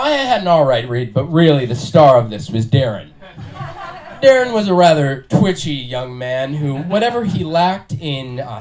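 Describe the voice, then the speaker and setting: A man telling a comic anecdote on stage with a halting, wry build-up. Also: a little high, darkish tone, poor audio. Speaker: comic storyteller. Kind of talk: comic storytelling to an audience.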